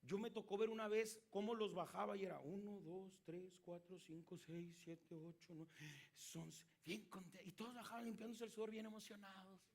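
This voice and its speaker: A man's voice: high-pitched, steady tone, moderate pace, a little mellow. A man with a Mexican Spanish accent, preaching as a pastor and asking his listeners questions as he tells a story. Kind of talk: sermon.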